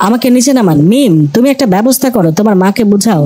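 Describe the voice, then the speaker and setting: A woman's voice: fairly high pitch, animated, fast talker, warm tone, pitched above the performer's own voice. A woman voicing a panicky young man who poses as a healer, wailing and pleading. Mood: panicked pleading.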